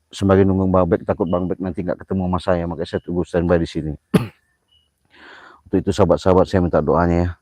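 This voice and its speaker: Deep-voiced man on a ghost hunt. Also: no echo. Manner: shouts challenges at spirits, muttered prayers between. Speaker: paranormal vlogger. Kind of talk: live-streamed night ghost-hunting vlog. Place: outdoors on a hillside near a ravine at night.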